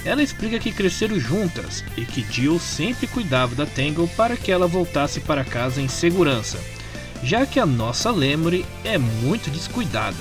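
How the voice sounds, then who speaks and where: Narrating a fan comic dub over background music, this Brazilian man with a Brazilian Portuguese accent tells the comic's story informally. His voice leans high, swings widely in pitch, and moves at a moderate pace.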